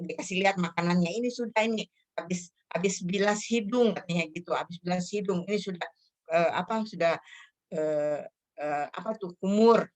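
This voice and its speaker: A middle-aged woman tells her church testimony in a loose, heartfelt way. She rambles, stops to search for words and starts her sentences over. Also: on the low side. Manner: emotional, rambling with frequent fillers and self-corrections. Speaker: church member sharing a testimony. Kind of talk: casual spoken testimony.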